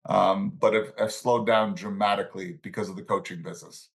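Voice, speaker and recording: An interview guest in his sixties, a financial services professional and coach born in Italy and raised in the Bronx, New York, tells stories from his life in a casual, relaxed way. His fairly low voice has vocal fry and a brisk pace, and he chuckles between anecdotes.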